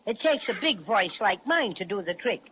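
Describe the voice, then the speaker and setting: A woman's voice: mid-range voice, big pitch swings, moderate pace, a little hiss or hum, close to an everyday voice. A woman voicing a cheerful, boastful stuffed teddy bear with quaint folksy phrasing in a 1930s children's radio serial. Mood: bossy. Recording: muffled 1930s radio transcription.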